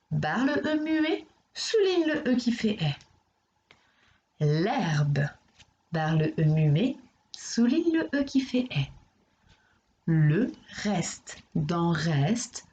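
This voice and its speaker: A woman teacher guides a young child through a lesson, speaking slowly and spelling each sound out with care. Her voice sits a little high and moves up and down a great deal. The recording has a clear echo from the room and a faint hiss behind it. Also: darkish tone, muffled recording. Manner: slow, careful enunciation, addressing a child directly. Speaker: primary school teacher. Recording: echoey room.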